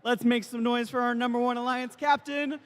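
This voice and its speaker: A man's voice: very high-pitched, level tone, normal speed. A man announcing a live competition as the event's MC, introducing the sides and explaining the stakes. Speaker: robotics event MC. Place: large competition venue.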